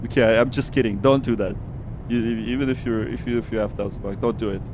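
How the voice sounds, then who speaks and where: A man's voice: medium pitch, steady tone, fast talker, background noise. A man hosting a casual flight simulator livestream, talking informally and often repeating his words. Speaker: livestream host.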